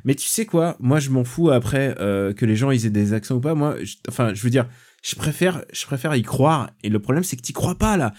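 Animated, swearing French man reviewing films. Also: mid-range voice, fairly quick. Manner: animated, swears often, trails off and restarts. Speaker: podcast co-host reviewing a film. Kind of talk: casual film review chat.

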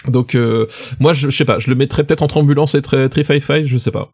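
A man's voice: medium pitch, fairly quick, gravelly, a little mellow. A man co-hosting a casual film-ranking chat, thinking aloud, hesitant and mildly blunt. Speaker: podcast co-host.

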